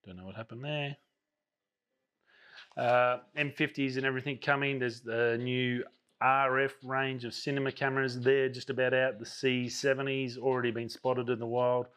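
A man's voice: medium pitch, level tone, moderate pace, a bit bright. A man, out of breath and chatty, talking enthusiastically about camera news in his daily vlog. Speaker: vlogger.

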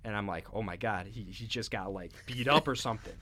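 A young man co-hosting a casual podcast, telling a story with animated acted-out quotes and stumbling restarts. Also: fairly low pitch, fairly quick, husky. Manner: animated storyteller, acts out his own quotes. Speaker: podcast co-host. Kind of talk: casual chat.

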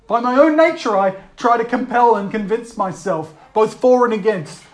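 A preacher giving a sermon, reading old verse slowly and acting out the voices of tempters. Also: mid-range voice.

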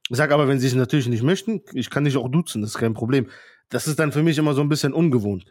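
A man's voice: mid-range voice, darkish tone, no echo. Earnest man, dry close sound. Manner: earnest, unhurried storytelling with many restarts. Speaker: podcast co-host. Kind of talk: casual chat.

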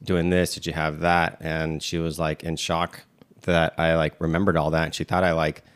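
A man's voice: very deep voice, flat delivery, moderate pace. A man in his thirties co-hosting a casual chat, rambling with many fillers and restarts. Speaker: podcast co-host.

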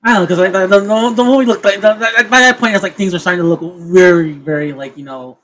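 High-voiced man stammering through a joke. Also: fast, poor audio. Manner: stammering, animated, swears freely. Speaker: podcast guest. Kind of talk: casual podcast chat.

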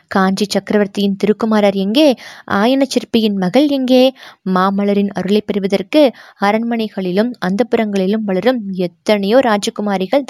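A woman's voice: medium pitch, a little mellow, dry recording, clean studio sound, lightly acted. A woman narrator voicing a proud young dancer who speaks with bitter, wounded anger, in audiobook storytelling. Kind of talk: audiobook narration of a historical novel.

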